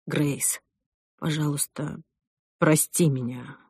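Lady reading a shaken young groom, quiet halting voice, deep-ish, audiobook. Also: no echo, studio quality. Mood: guilty. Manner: low, subdued, halting. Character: shaken young groom, guilt-ridden and soft-spoken.

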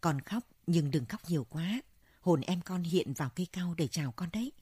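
A kindly old grandmother soothes a grieving child, voiced by a woman. Her voice is low and husky and stays soft and gentle. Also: expressive, normal speed, dry recording. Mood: comforting.

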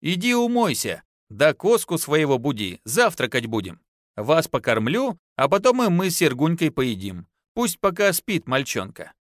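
A man's voice: a little high, very animated, normal speed, dry recording, clean studio sound, voice pushed up. A man voicing an earthy, teasing young peasant wife in an audiobook, with folksy, scolding speech. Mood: homely. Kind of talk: audiobook narration.

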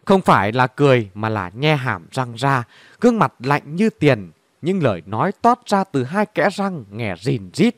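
A man narrating a story in an animated, dramatic way. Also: medium pitch, normal speed, no echo. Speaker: audiobook narrator.

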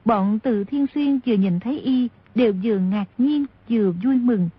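Husky woman narrating a story. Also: on the high side, normal speed. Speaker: audiobook narrator. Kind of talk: scripted narration of a martial-arts novel. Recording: dull lo-fi audio.

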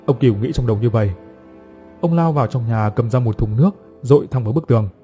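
Mellow-voiced male storyteller. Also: mid-range voice. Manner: measured, dramatic storytelling with voiced dialogue. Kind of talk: scripted narration of a folk horror story. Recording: faint music underneath.

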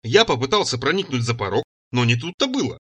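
Husky, bright male audiobook narrator. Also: mid-range voice, sing-song, fast. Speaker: audiobook reader. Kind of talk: first-person audiobook narration.

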